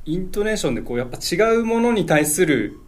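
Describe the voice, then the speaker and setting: Easygoing male co-host, lively voice. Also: sits high, fast. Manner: easygoing, agreeable, laughs often. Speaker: radio co-host. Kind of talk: casual chat and reading a listener letter.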